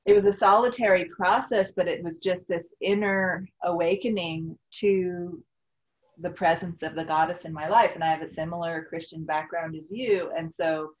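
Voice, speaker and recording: A woman's voice: on the low side, steady tone, moderate pace, poor audio. A woman talking earnestly and reflectively in a casual spiritual conversation, with frequent fillers.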